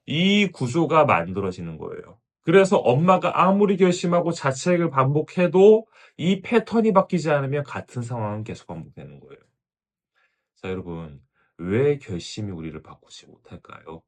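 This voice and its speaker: A man giving a parenting lecture, speaking straight to viewers with "자, 여러분" and acting out a mother's thoughts as quotes. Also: mid-range voice. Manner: addresses viewers directly, often starting with "자, 여러분". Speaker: parenting educator.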